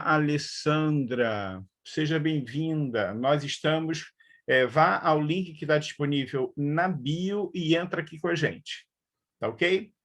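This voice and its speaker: A man's voice: fairly high pitch, a bit bright. A man teaching grammar in a live online lesson, explaining patiently and checking in with viewers as he goes. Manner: slow, patient explaining with frequent fillers and check-ins.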